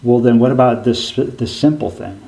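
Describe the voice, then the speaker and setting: Animated male preacher telling a story. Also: mid-range voice, moderate pace, creaky, rough recording. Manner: animated storytelling with frequent restarts. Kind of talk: sermon.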